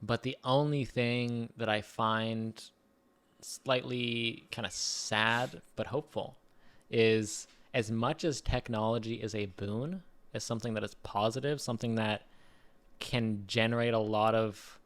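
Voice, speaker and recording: A man co-hosting a podcast in casual chat, laughing easily and swearing casually, with his pace speeding up and slowing down. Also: medium pitch, steady tone. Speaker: podcast co-host.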